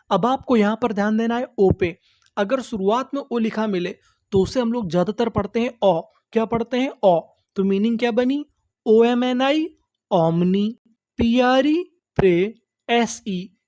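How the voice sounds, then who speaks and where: A woman's voice: on the high side, darkish tone, dry recording. A woman teaching English vocabulary, spelling each word letter by letter and asking and answering her own questions. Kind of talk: slow spelled-out vocabulary lesson.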